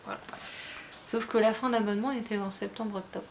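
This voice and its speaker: A woman's voice: medium pitch, steady tone, fairly quick, slight background noise. A woman chatting casually, rambling with many fillers and restarts. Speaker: book vlogger. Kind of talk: casual chat.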